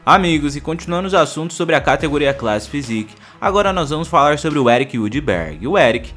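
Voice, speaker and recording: Energetic male news narrator over music. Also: on the high side, fairly quick. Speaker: news presenter.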